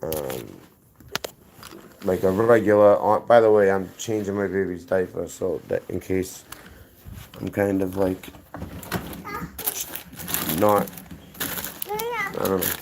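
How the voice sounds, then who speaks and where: There's slight background noise as a man with a low-pitched, gravelly, slightly mellow voice speaks slowly, leaving long pauses. Raised in Boston's inner neighborhoods and heavily accented, he's a guest spinning a casual story that wanders off on tangents, returns, and revises itself.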